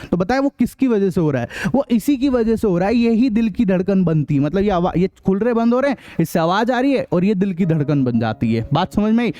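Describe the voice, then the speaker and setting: A man's voice: high voice, darkish tone. A man with a Hindi accent teaching a science class, repeating key terms and quizzing students in a casual way. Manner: repeats key terms and asks quiz questions back; casual, addresses students as brother. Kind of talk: explanatory classroom lesson.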